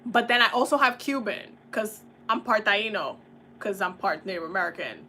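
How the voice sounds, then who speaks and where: A young woman from the Dominican Republic chatting casually as a tarot reader, laughing often and using relaxed slang. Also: medium pitch, normal speed, a little hiss or hum. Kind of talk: casual livestream chat.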